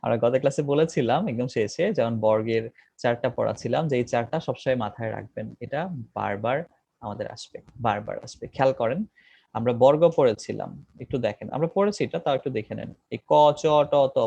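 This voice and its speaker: A man's voice: medium pitch, brisk, vocal fry, warm tone, slightly rough, dry recording. A man teaching a grammar class, repeating each rule several times and quizzing his students. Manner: repeats rules over and over, asks questions to the class. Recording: dry, dull lo-fi recording.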